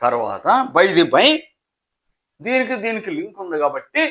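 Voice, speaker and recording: A man's voice: high-pitched, very animated, moderate pace, a bit bright. An older man teaching English grammar step by step, asking rhetorical questions and reading out English example sentences. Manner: asks rhetorical questions to check understanding. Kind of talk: classroom explanation.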